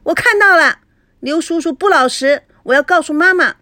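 A woman doing a cheeky little girl, high and sassy. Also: expressive, moderate pace, no room sound, clean studio sound. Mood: teasing. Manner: pert and teasing.

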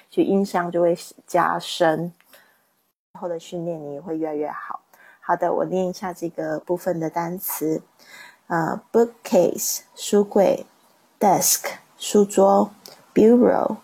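A woman teaching an English vocabulary lesson on a livestream. She reads word lists, repeats the English terms slowly and explains how to pronounce them. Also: medium pitch, creaky, mellow, husky, rough recording.

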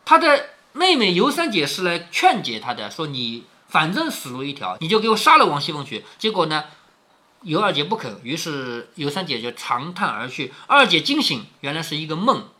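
A man's voice: fairly high pitch, sing-song, moderate pace, bright, forceful tone. A man reading a classic novel aloud to his daughter, explaining each passage in chatty plain words and asking her questions as he goes. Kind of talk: storytelling with explanations.

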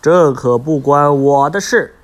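A man's voice: a little high, measured pace, natural voice. A man voicing a cruel, sly male fox who threatens in a storybook reading. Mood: menacing. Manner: menacing, threatening.

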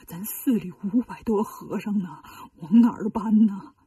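A woman voicing a grumpy, snobbish old male temple abbot who talks in a gruff, dismissive way, in a storybook retelling. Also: mid-range voice, a little slow, mellow, no echo, recorded from a distance, pitched below the performer's own voice. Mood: flustered.

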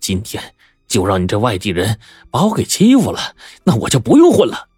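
A man voicing a spoiled, arrogant young heir in a told story, in a petulant, quick-tempered manner. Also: lowish voice, wildly swooping pitch, a little mellow, slightly rough, dry recording, clean studio sound, soft background music, exaggerated voice. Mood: furious.

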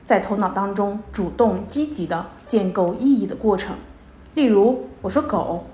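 A woman giving a recorded psychology lecture, explaining step by step with small fillers between points. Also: mid-range voice. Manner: steady explanatory delivery with verbal fillers. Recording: echoey room with faint music.

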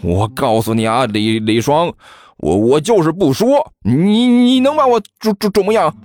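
A man's voice: lowish voice, a little slow, smooth, no echo, clean studio sound, soft background music, lightly acted. A man voicing a chubby teenage boy who stammers and blusters in an audiobook. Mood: blustering. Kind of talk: audiobook character voice.

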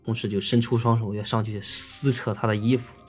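A man's voice: fairly low pitch, normal speed, soft background music. A man telling a ghost story in a chatty, casual way, full of fillers. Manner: chatty, filler-heavy, lively.

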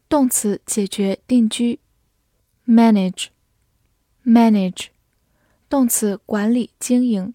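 A woman teacher giving a vocabulary lesson. She reads each word twice and then its meanings, in a clear, careful way. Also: medium pitch, mellow, no room sound, studio quality. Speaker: English teacher.

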